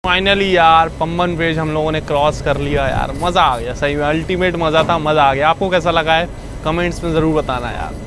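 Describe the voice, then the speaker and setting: A young man chatting excitedly to a phone camera at arm's length while riding a moving train, with music playing underneath. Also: a little high, fairly quick, background noise. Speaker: train travel vlogger. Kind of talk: casual travel vlog.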